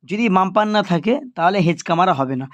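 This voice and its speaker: High-voiced man teaching Quran reading. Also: dry recording, dull audio. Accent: Bangladeshi Bengali. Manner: patient, spells syllables slowly then blends them. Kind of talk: spelling-out recitation lesson.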